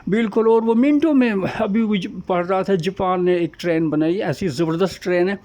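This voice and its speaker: A man's voice: high-pitched, steady tone, a little mellow. A man giving a casual, rambling monologue as host, piling up repeated phrases and lists.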